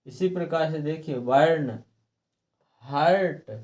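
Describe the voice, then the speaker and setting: Animated but slow, this middle-aged teacher has a voice on the high side that sounds a little mellow. In a lesson on English pronunciation, he repeats the rules over and over and answers his own questions.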